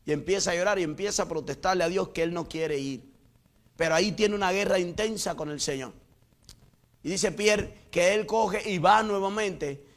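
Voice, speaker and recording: A middle-aged male pastor preaching a sermon, telling a personal testimony and swinging between loud exclamations and hushed lows. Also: moderate pace. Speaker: pastor and missionary.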